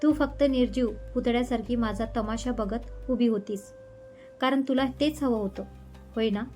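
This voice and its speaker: A woman storyteller voicing a furious young man who shouts bitter accusations at his former love. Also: a little high, moderate pace, faint music behind, natural voice.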